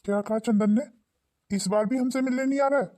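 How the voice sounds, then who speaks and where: A woman's voice: a little high, a little fast, dark tone, close to an everyday voice. A woman voicing a stern, wealthy older father-in-law in a cartoon, lecturing in a stern tone.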